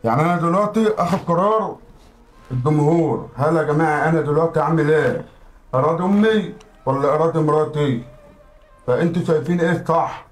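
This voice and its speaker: Brief: man as a torn Egyptian husband, slightly high, brisk, reasoning with some hesitant restarts. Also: natural voice. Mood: perplexed. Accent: Egyptian Arabic. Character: Egyptian husband caught between mother and wife. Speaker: creator addressing the audience. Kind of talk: comedic family skit.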